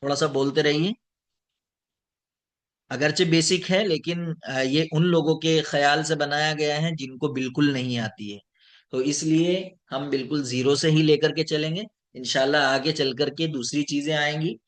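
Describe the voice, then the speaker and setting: A man teaching an online lesson, slowly drawing out each example word and checking in with his students. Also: fairly high pitch, fairly even intonation. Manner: slow, deliberate, drawing out example words; checks in with students, addressed as sir. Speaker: Arabic teacher.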